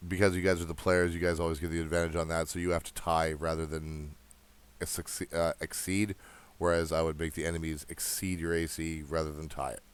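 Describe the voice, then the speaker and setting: A man's voice: extremely low pitch, level tone, brisk, smooth. A man running a tabletop game as game master, bantering casually, laughing often and swearing freely.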